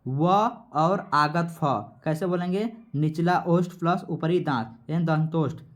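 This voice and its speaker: A man's voice: a little high, fairly even intonation. Man quizzing himself through a lesson. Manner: repetitive, quizzing, asks and answers himself; sounds out letters slowly. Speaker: teacher. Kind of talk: exam-prep grammar lesson.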